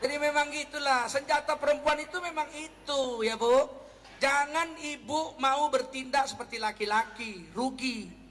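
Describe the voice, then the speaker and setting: A man from North Sumatra giving a humorous Islamic lecture, animated and acting out everyday quarrels. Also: very high-pitched, normal speed, long reverb tail. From North Sumatra, Indonesia. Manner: animated, acts out quarrels in a raised voice. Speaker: Islamic preacher.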